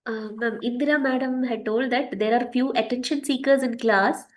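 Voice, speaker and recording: A woman's voice: a little high, moderate pace. A woman moderating an online session, politely reading out teachers' questions. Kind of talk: online webinar Q&A.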